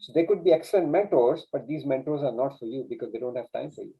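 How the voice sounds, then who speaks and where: In a dull, lo-fi recording of a casual interview, a man whose first language is Urdu, there as a guest coach, tells a story with earnest informality and lots of restarts. He talks fast in a medium-pitched voice that's gravelly with a breathy edge.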